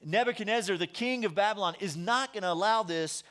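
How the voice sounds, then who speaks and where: A man's voice: sits high, brisk, a bit bright, voice pushed up. A man preaching who voices a prophet warning a king. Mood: urgent. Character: earnest male prophet, warning.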